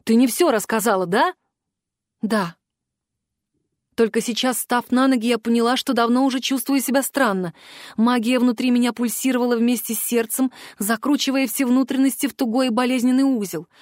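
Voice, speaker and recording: A woman reads a fantasy novel aloud in the first person, and her reading is expressive and emotional. Her voice sits a little high. The sound is dry and close, with no room echo. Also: a little fast. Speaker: audiobook narrator. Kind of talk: scripted first-person audiobook narration.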